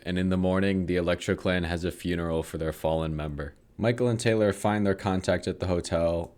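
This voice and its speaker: A man's voice: deep voice, darkish tone. A young man narrating a comedic book summary in a sarcastic tone, swearing freely and laughing at his own lines.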